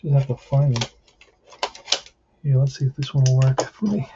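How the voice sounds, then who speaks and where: Playing a tabletop baseball game indoors, this man provides casual play-by-play and thinks aloud as he goes. He speaks at a moderate pace in a medium-pitched voice with lively intonation, and the lo-fi recording is muffled, with faint noise and clicks.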